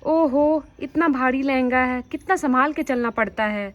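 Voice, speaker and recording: A woman's voice: high voice, a little slow. A woman voicing a young bride who is sad about leaving her family in a doll story. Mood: fussing. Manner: tearful, fussing.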